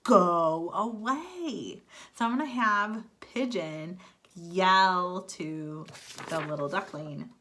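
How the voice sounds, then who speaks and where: A woman gives a writing lesson for young children, filmed on a phone at home. She speaks slowly and patiently, in a slightly low voice. She sounds out words letter by letter. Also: pushed and bright. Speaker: teacher. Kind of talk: early-grades writing lesson.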